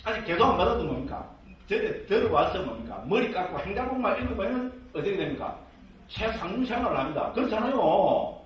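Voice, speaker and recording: A man's voice: sits high, big pitch swings, a little fast. A man who teaches Buddhist scripture as a monk, in a jokey, conversational way that is full of tag questions. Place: lecture room with a live audience. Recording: echoey room from far off, faint hiss.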